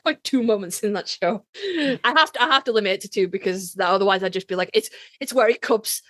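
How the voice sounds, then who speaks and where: A woman co-hosts a podcast, chatting casually in a mid-range pitch with lots of swearing and self-mocking fan enthusiasm. She talks fast with a fairly bright tone, recorded close and dry with no echo.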